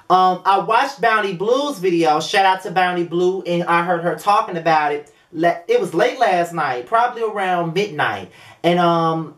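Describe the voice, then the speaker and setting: A man's voice: high voice, a bit bright. Profane, rambling man in his twenties. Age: 20s. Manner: blunt, profane, rambling with many fillers. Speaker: video reviewer. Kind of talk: casual vlog review. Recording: roomy echo.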